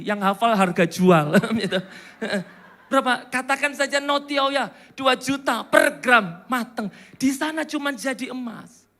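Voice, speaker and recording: A pastor preaching in church, joking and chatting with the congregation between points. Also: male voice, extremely high pitch, pushed and bright. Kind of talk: sermon.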